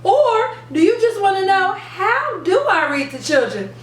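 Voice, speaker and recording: A woman with a very high-pitched voice hosts an upbeat instructional video to camera for an education channel aimed at parents and teachers. Her delivery is animated, teacherly and a little slow. The roomy recording comes from a distant mic with faint background noise.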